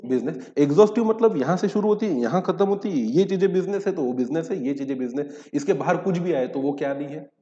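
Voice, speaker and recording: Talking fast with hardly any pauses, a teacher with a fairly high, dark-toned, animated voice explains terms through self-posed questions and answers. He alternates Hindi commentary with English legal text, recorded in a dull, echoey hall.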